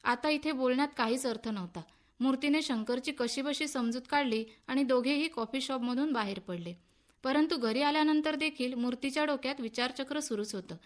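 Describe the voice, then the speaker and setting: A woman's voice: sits high, fairly quick. A woman reading a story aloud for radio, narrating steadily and expressively.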